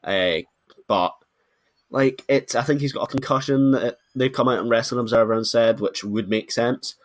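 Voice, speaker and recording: A man's voice: mid-range voice, moderate pace. A British man chatting casually as a podcast co-host, telling stories in a chatty way. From United Kingdom. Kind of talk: casual chat.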